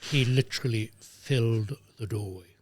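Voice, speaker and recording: An older man, a former referee telling lively anecdotes as a guest, dropping into voices for the people he quotes. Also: mid-range voice, moderate pace, breathy edge, no echo. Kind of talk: anecdotal storytelling.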